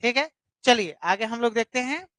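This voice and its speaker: A woman's voice: on the high side, animated, moderate pace, fairly bright tone, dry recording. A woman teaching a live online English grammar class, repeating points and putting questions to her students. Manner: repetitive, explanatory, questions students directly.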